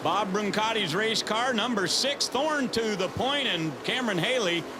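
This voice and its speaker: High-pitched male motorsport commentator, upbeat. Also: expressive, normal speed, noisy background. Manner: upbeat, polished broadcast delivery. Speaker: motorsport commentator, lead race announcer. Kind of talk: live race commentary. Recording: music behind the voice.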